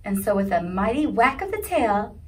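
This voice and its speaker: A woman's voice: medium pitch, sing-song, normal speed, darkish tone, recorded from a distance, rough recording. A woman leading a children's story time, reading a picture book aloud in a sing-song voice and asking the kids questions. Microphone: video recording.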